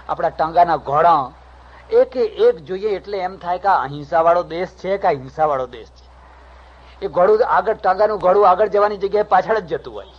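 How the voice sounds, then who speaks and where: A man, a swami, giving a humorous spiritual discourse in a lively storytelling manner on a dull lo-fi cassette recording. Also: on the high side. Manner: lively storytelling, acts out characters' voices.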